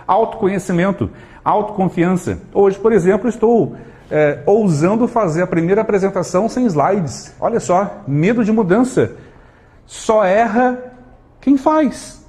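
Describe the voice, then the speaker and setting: A Brazilian man speaks to a live audience in a motivational talk, with a fairly high voice for a man. He keeps throwing rhetorical questions at the room and acts out small everyday scenes with lively energy. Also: moderate pace. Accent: Brazilian Portuguese.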